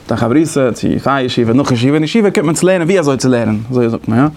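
Fast-talking male lecturer. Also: medium pitch, darkish tone. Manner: explains conversationally, thinking aloud. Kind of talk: lecture on interpretation methods.

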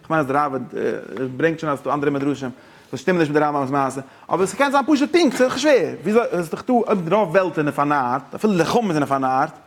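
A man teaching a Torah lesson, talking excitedly with stumbling restarts and English words mixed in. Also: on the high side, fast. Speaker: religious teacher.

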